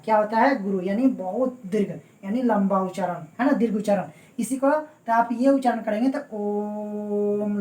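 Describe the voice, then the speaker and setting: A woman's voice: fairly high pitch, darkish tone, recorded from a distance. A woman teaching Hindi grammar for exam prep. She repeats her points and keeps checking that her students follow, addressing them fondly. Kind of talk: exam-prep classroom lecture. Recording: roomy echo, voice away from the mic.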